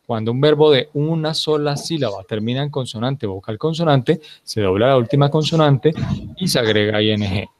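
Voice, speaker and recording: A man's voice: medium pitch, moderate pace, darkish tone. Patient man teaching a grammar lesson. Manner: patient, repeats points and checks understanding often. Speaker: English teacher. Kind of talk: classroom grammar lecture.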